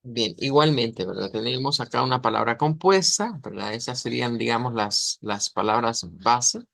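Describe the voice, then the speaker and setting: A man teaching German pronunciation in a lesson, explaining step by step and slowly sounding out words. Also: mid-range voice, animated, gravelly, fairly bright tone, no echo.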